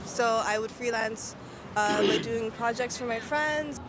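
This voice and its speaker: American woman, freelance dancer, easygoing, fairly high voice, noisy city street. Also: measured pace. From United States. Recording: outdoor street noise.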